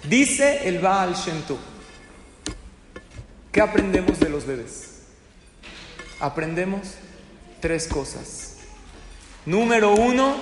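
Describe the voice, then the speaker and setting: A man preaches in a rather high voice, spinning stories and tossing questions out to his listeners. His voice rings through a large hall with a long, heavy reverb and faint room noise behind. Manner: lively storyteller asking the audience questions. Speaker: religious teacher. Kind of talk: sermon to a live audience.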